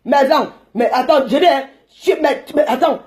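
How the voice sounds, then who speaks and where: A middle-aged woman with a Cameroonian French accent, ranting in a chatty, mocking vlog monologue that now and then breaks into shouting. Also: sits high, normal speed. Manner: combative and mocking, bursts into shouting; chatty, rambling. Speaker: vlogger.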